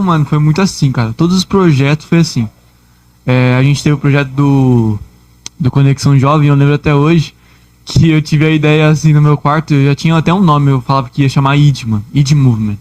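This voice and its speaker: Quick-talking Brazilian podcast co-host. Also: male voice, a little high, steady tone, a little mellow. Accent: Brazilian Portuguese. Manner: chatty, slangy storytelling. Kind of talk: casual chat.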